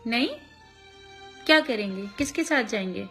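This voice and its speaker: A woman, a mother, telling a story to her young children in an animated way, acting out sounds and asking them questions. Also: fairly high pitch, moderate pace, soft background music.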